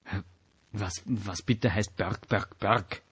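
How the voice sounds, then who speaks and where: A man's voice: fairly low pitch, fairly even intonation, fairly bright tone, breathy edge, exaggerated voice. A man voicing a cheerful, easygoing character in a children's audio play who laughs often and also sings. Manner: good-humoured, laughing, sings slowly. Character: cheerful, easygoing man with a big mixed-breed dog.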